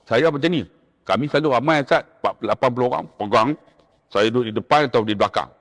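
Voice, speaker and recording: A male preacher with a Malaysian Malay accent telling a story in a sermon, animated and acting out the people in it. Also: medium pitch, fast talker, in a large hall. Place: mosque.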